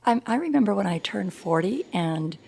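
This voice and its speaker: A woman in her sixties, a yoga instructor and life coach, giving a slow, reflective and candid interview in a yoga studio. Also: medium pitch, lively intonation, creaky, slightly rough. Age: 60s. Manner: slow, thoughtful, warmly candid.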